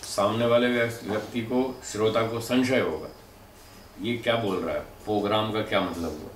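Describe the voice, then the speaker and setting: Male lecturer, deliberate and explanatory, a bit low; echoey room, faint background noise. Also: steady tone, recorded from a distance. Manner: measured and explanatory, demonstrating pronunciations aloud. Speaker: lecturer on speech and pronunciation. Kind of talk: spoken lecture.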